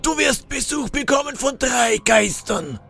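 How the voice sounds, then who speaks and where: A furious old ghost with a lilt, shrieking his insults way up high and swooping all over in sing-song rants. The yelling voice bounces around with a wild, animated range. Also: measured pace, creaky, husky, soft background music, full character voice. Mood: raging. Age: older. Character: furious old male ghost of video games, foul-mouthed. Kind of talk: audiobook-style story narration.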